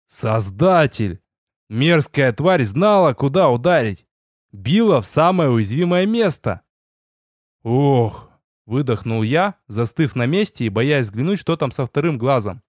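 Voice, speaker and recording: A man narrating a first-person fantasy story in an audiobook, telling it with lively storytelling and voiced dialogue. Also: mid-range voice, normal speed, no echo, clean studio sound.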